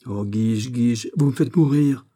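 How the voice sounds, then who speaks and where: A man's voice: mid-range voice, unhurried, dark tone, close to an everyday voice. A man voicing an anguished, jealous young nobleman in an audiobook, pleading with passion. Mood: desperate. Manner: pleading, impassioned. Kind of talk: audiobook reading.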